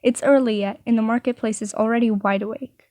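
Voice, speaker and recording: A woman's voice: a little high, fairly even intonation, fairly quick, darkish tone, no echo, clean studio sound. A woman reading a visual novel aloud, with playful asides between narration. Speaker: story reader.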